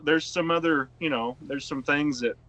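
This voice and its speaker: Excitable man on a dry mic. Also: a little high, normal speed, no room sound. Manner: excitable, loud outbursts and laughter. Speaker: podcast co-host, band member. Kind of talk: casual chat.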